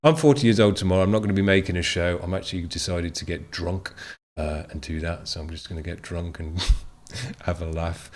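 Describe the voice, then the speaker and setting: A man in his late thirties talks casually to his channel's viewers, rambling with plenty of fillers and restarts. He sounds enthusiastic and heartfelt, and his voice sits slightly low. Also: a little fast. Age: 30s. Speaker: music channel host. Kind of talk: casual chat.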